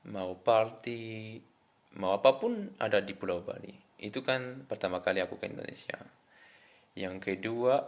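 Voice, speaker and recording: A young French man with a French accent, speaking Indonesian as a foreigner in a casual, hesitant vlog introduction to camera. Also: low voice. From France. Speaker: vlogger introducing himself.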